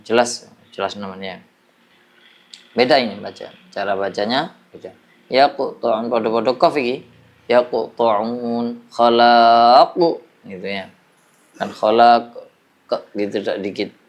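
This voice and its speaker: A man's voice: fairly low pitch, moderate pace, pauses often. A man teaching a classroom lesson on Quran recitation, explaining patiently and drilling examples.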